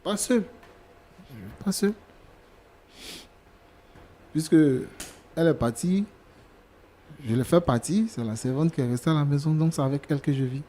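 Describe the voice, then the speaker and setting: A man's voice: a little high, normal speed, pauses often, mellow, close to an everyday voice. An actor playing a fed-up husband who wants to leave his wife, talking in an exasperated, insistent way. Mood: weary. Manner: exasperated, insistent, repeats himself. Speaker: husband in a staged couple-counseling show.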